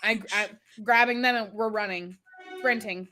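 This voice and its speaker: A woman's voice: medium pitch, fairly even intonation, moderate pace, music in the background. A woman playing a tabletop game, urgently repeating commands to her party. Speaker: player. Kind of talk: excited tabletop play.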